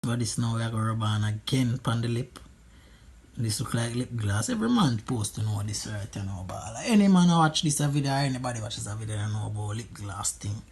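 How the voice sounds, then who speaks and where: A man's voice: medium pitch, a little fast, darkish tone, slightly rough. A man with a Jamaican accent giving casual, humorous commentary, using Patois slang and repeating phrases for emphasis. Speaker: friend doing a makeup voice-over.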